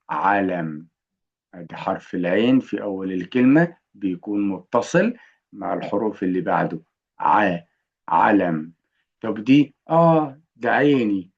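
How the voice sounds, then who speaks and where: A man with an Egyptian Arabic accent teaching the alphabet to beginners, patient and encouraging, repeating each sound slowly. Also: lowish voice, a little mellow, highs cut off.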